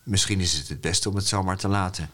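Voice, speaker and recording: A cautious peasant farmer from a storybook, read by a man, talking plainly and practically. His voice drops low and hushed. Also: fairly even intonation, quick pace. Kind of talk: read-aloud children's book.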